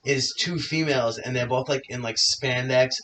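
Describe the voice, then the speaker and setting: A man's voice: medium pitch, steady tone, normal speed, distant mic, a loud crowd. A man hosting a podcast in casual chat, rambling and swearing with lots of fillers. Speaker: podcast host.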